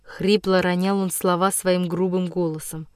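A woman's voice: fairly low pitch, flat delivery, normal speed, darkish tone, smooth, no room sound, studio quality. Woman narrating a storybook, dramatic. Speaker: audiobook narrator. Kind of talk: scripted narration of a classic children's story.

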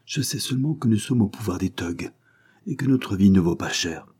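A man's voice: lowish voice, animated, moderate pace, darkish tone, husky. A man voicing a frightened captive English engineer, pleading in a strained, anxious way.

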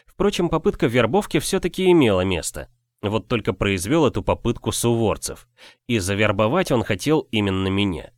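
A man's voice: lowish voice, animated, moderate pace, no room sound, clean studio sound. A man narrating a first-person audiobook with a wry storytelling manner.

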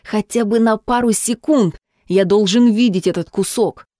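A woman's voice: medium pitch, moderate pace, dark tone, dry recording, clean studio sound, lightly acted. A woman voicing a stubborn young man who speaks in short, cold commands. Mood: determined. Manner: terse, cold, determined. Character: stubborn young male graffiti artist.

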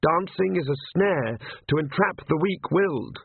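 A jittery, apologetic young priest who stammers through every sentence, pitched well above a plain voice, as a man puts him on. Husky and breathy, heard over a thin, phone-like line. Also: lively intonation, moderate pace, heavily acted. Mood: fretful. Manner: stammering, hesitant, full of ums.

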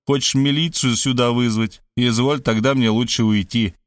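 A man's voice: medium pitch, fairly even intonation, no echo, studio quality, lightly acted. A man voicing a brash, cynical male friend with crude, mocking talk in an audiobook. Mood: scheming. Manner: mocking, crude, fast-talking. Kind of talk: audiobook character voice.

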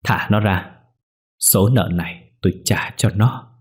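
A man voicing an older adoptive mother who scolds in a shrill, stammering rage. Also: a little slow. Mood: weary.

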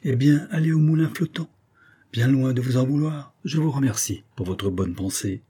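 A male audiobook reader voicing an earnest, reserved young woman, softly raising his voice for her polite lines. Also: mid-range voice, moderate pace, husky, pitched above the performer's own voice, lightly acted. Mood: gentle. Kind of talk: audiobook character voice.

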